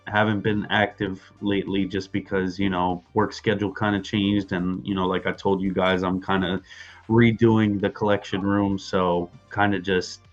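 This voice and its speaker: A man's voice: low voice, little pitch movement, moderate pace, soft background music. A laid-back man guest in a casual chat, full of "you know" fillers, over dull lo-fi audio.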